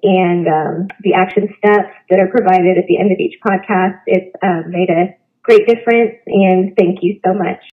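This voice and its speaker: Woman on a tinny, low-quality voicemail. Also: steady tone, moderate pace. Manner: hesitant, many ums. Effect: low-quality phone voicemail recording. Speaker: listener calling in. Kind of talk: voicemail message. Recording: tinny lo-fi phone line.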